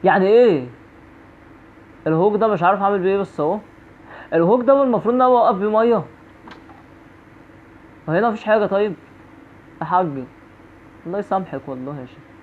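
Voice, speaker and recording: Jumpy high-voiced Egyptian man gaming. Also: animated, fast, long pauses. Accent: Egyptian Arabic. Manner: jumpy, repeats phrases over and over. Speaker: gaming YouTuber. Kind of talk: horror gameplay commentary. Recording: tinny phone-like audio.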